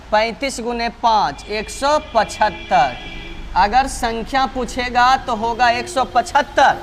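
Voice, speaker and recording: A man's voice: very high voice, fairly bright tone, slight background noise. Man, math teacher, step-by-step lesson, repeats each step, addresses students fondly. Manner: repeats steps, often addresses students as dear children.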